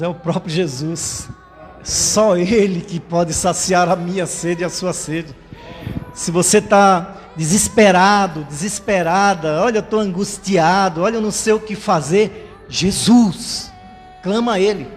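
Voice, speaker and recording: A male pastor delivers a fervent, conversational sermon, often checking in with his listeners mid-phrase. His voice sits notably high. It rings with a long hall reverb over faint background music. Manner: fervent, conversational preaching with frequent "né?" tags. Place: church livestream.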